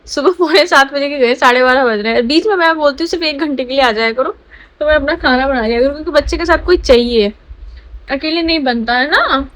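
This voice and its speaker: A woman's voice: sits high, brisk, fairly bright tone. A young woman, a new mother, chatting casually at home in a vlog, confiding and chatty. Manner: chatty, confiding, baby talk.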